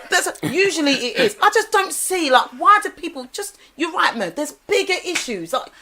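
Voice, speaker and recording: A woman's voice: extremely high pitch, very animated, moderate pace, bright, forceful tone. A woman, a podcast guest who is outspoken and exasperated and laughs a lot. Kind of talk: casual banter.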